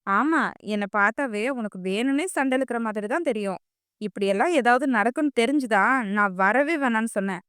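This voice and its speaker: A woman's voice: on the high side, brisk, fairly bright tone, clear, resonant tone, no echo, clean studio sound, close to an everyday voice. A woman voicing a possessive, scheming teenage girl who snaps and accuses in an audiobook. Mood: accusing. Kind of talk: audiobook character voice.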